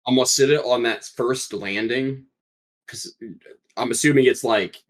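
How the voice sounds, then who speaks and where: A man's voice: medium pitch, moderate pace. A man playing a tabletop game, talking casually and hesitantly, with many fillers. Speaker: player.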